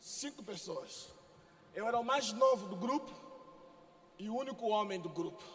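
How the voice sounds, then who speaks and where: A man pastor from Africa preaching a sermon in a lively, exclamatory, joking way. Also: high voice, normal speed, big-room sound. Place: church.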